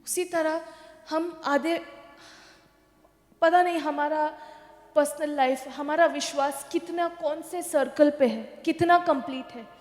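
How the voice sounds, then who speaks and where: Woman pastor, sermon, storytelling, high voice, roomy echo. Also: steady tone, slow pace, pauses often, darkish tone. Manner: storytelling, mixing in English phrases. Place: church hall. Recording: echoey church hall.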